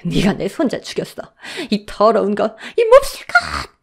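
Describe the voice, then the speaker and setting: A woman voicing a harsh, spiteful older mother-in-law who scolds in a shrill voice. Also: big pitch swings, a little fast, warm tone. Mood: screaming.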